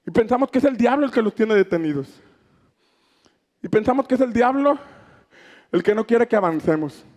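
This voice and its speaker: A man's voice: high-pitched, animated, normal speed, a little mellow. A man preaching a sermon, fervent and declamatory, raising his voice for emphasis. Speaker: pastor.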